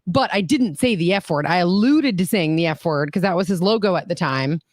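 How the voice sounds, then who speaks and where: A woman's voice: fairly low pitch, animated, fairly quick, dry recording, clean studio sound. A woman co-hosting a podcast, talking in blunt, joking casual chat. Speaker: podcast co-host.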